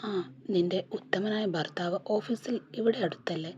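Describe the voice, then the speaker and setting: A woman voicing a frank, protective female friend in a husky, breathy voice. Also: mid-range voice, unhurried, a little mellow, a little hiss or hum, lightly acted. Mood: blunt, frank. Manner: blunt, frank. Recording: dull lo-fi recording.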